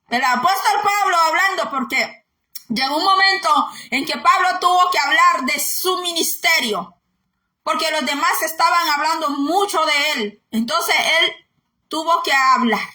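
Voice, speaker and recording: Impassioned high-voiced woman preaching. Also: a little slow, bright, forceful tone, reverberant. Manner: impassioned, repeats words, mocks others in sing-song voices. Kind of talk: sermon.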